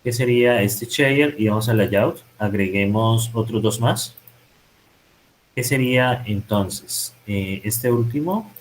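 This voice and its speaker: A programming instructor records a live-coding tutorial over his screen, thinking aloud and correcting himself as he types. His voice is medium-pitched and slow. The audio is poor, with a little hiss or hum.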